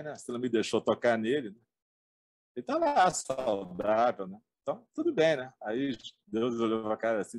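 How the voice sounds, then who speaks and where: Middle-aged teacher, husky, playful storyteller who voices the characters. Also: male voice, fairly low pitch, dry recording. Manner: colloquial and humorous, acts out the characters' lines. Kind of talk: informal lecture retelling a story.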